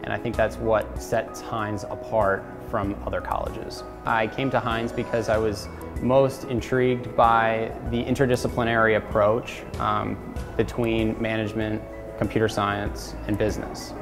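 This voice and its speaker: Flat-voiced young man from Pennsylvania. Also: lowish voice, a little slow. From rural Pennsylvania. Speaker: graduate student. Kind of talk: interview testimonial. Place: indoor university hallway. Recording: long reverb with music behind.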